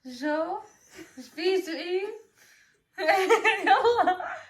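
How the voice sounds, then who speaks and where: A woman's voice: very high voice, drawn-out words. A woman with a Levantine Arabic accent chatting casually and giggling through a playful game. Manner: giggly, animated. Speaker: challenge video participant. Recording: echoey room.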